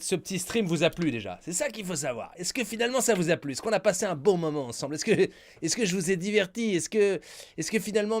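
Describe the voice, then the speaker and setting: Joking man streaming live. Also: sits high. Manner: joking, theatrical, mock-grandiose banter with chat. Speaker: streamer commenting a live game show. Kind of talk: casual live-stream chat.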